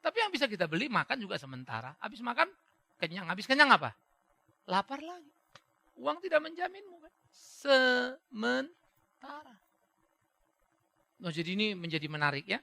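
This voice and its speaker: Gravelly, animated preaching man. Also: high voice, moderate pace, pauses often, no room sound. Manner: animated, acts out little dialogues; drops in English phrases. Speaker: pastor. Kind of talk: sermon.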